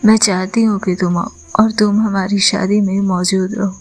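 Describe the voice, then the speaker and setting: A cheerful young bride chatters in quick, excited bursts, as a female storyteller voices her. The voice has a gravelly fry, and faint music runs under the audio story. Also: mid-range voice, natural voice, poor audio. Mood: pleading.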